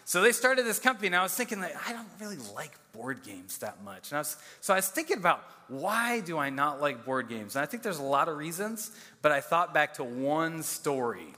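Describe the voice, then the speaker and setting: A male pastor in his thirties preaching a sermon, with a fairly high, bright and forceful voice. He tells his story with animated, self-mocking energy, and the long reverb of a church hall trails after his words. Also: moderate pace.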